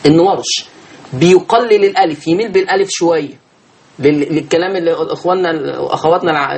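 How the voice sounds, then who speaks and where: A man with an Egyptian accent teaching Quran recitation rules, asking and answering his own questions and drawing out chanted examples. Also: on the high side. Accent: Egyptian Arabic. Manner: slow drawn-out chanted examples. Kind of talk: teaching tajweed.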